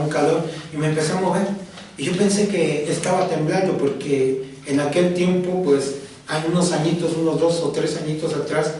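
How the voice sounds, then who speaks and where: A high-pitched male pastor, telling a story in his sermon and leaning on dramatic repetition. He is recorded from a distance, and his voice rings through a very echoey church hall. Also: a little hiss or hum.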